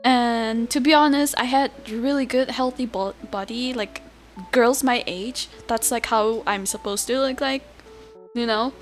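High-pitched young woman, cutesy VTuber chatter. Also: measured pace, faint music behind. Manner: VTuber-style, cutesy, giggly and self-deprecating. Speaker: VTuber streamer chatting with viewers. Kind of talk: casual livestream chat.

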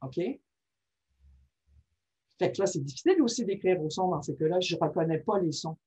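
In a muffled lo-fi recording, a female workshop presenter talks about reading disorders in a fairly low, slightly rough voice at normal speed. Lively and informal, she keeps checking in with her listeners by asking "ok?"

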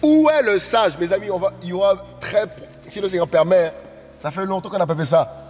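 A man preaching a live-streamed sermon, exclaiming and repeating phrases, often rising into shouted appeals. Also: high-pitched, brisk. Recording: reverberant room with faint music.

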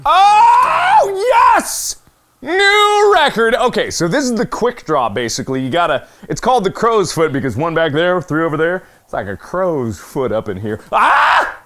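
Excitable man yelping through a VR game. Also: fairly high pitch, fairly quick, hardly any pauses. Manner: excitable, swings from mutters to yelps and shouts; swears and jokes while playing. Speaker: gaming YouTuber. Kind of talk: let's play commentary.

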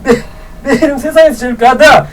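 A woman streaming a game live, teasing other players in loud banter and laughing often; her voice sits a little off-mic. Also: sits high, fast, far from the mic, a little hiss or hum, rough recording. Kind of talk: live gameplay chat with viewers.

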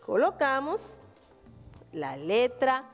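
A woman's voice: sits high, very animated, very slow, long reverb tail, soft background music. A woman with a Dominican Spanish accent teaching a virtual class to young children, spelling out syllables patiently and answering her own questions. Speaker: primary school teacher.

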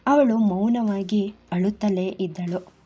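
A woman storyteller giving a gentle, even scripted narration of a love story. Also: medium pitch, takes it slowly, husky, soft background music.

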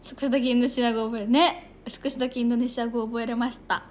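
A woman's voice: on the high side, steady tone, fast, slight background noise. A young woman chatting casually on a livestream, reading viewer comments aloud. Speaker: idol livestreamer.

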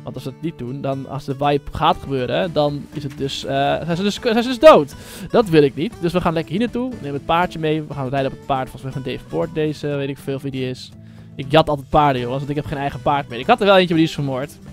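A man's voice: on the high side, quick pace, faint music behind. A man hosting his own gaming channel, giving casual, rambling commentary full of fillers and slang.

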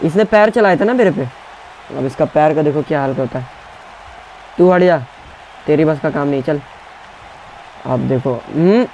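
A young man giving excited gameplay commentary, taunting his opponents and barking commands as he plays. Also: a little high, a little hiss or hum, low-quality recording. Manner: trash-talking, taunting opponents, shouting commands. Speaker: gaming YouTuber.

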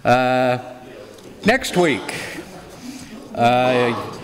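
A man in his sixties making announcements and introducing a guest speaker at a church luncheon, unhurried and pausing often with uhs. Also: mid-range voice. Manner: unhurried, with many uhs between phrases. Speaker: series organizer and local historian. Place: church hall stage before a red curtain. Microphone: stand microphone at a lectern. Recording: long hall reverb.

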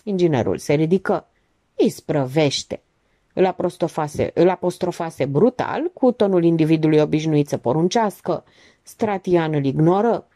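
A woman narrating an audiobook with expressive, measured storytelling. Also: low voice. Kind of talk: audiobook reading.

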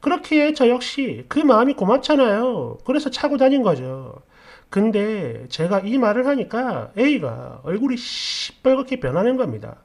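A woman narrating a reader-submitted personal story in the first person, in an expressive storytelling manner. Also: a little high, normal speed.

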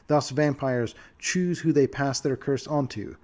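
A man with a mid-pitched voice narrates in the manner of a nature documentary. His delivery is formal and solemn. He reads scripted lore in measured, orderly phrases. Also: darkish tone.

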